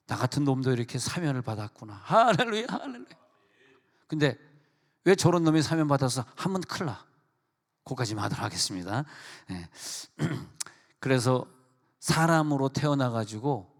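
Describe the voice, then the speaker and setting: Middle-aged pastor preaching in a reverberant church. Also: male voice, on the high side. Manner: animated preaching with acted-out quotes and asides to the congregation. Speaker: senior pastor. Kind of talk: sermon. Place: church sanctuary. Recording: long reverb of a church hall.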